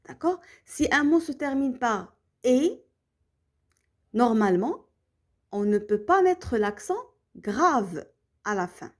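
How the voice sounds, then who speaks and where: A woman teacher with a Moroccan accent gives a French grammar lesson to children. Her voice sits high and swings widely as she spells things out slowly. She keeps stopping to check that her pupils follow. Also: sing-song. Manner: slow, carefully spelled-out explanations with frequent comprehension checks.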